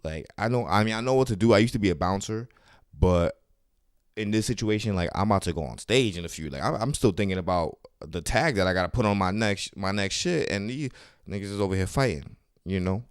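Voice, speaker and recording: A man's voice: on the low side, expressive, a little fast, clear, resonant tone, dry recording, clean studio sound. A man hosting a podcast, telling a long story in a loose, profane, casual way and acting out the voices of the people in it. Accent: New York. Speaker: podcast host and comedian. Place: studio.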